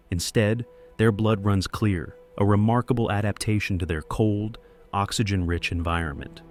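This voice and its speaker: A man narrating a scripted nature documentary in a measured, solemn storytelling manner. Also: lowish voice. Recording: music behind the voice. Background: background music.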